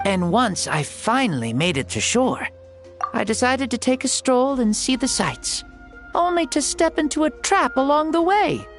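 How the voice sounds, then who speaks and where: An actor plays a jaunty, grandiose ancient fire-god spirit inhabiting a boy's body in a video game, playful and theatrical with old-fashioned turns of phrase. The voice is high and very animated, a little slow, with a jaunty, chatty mood. Music plays underneath.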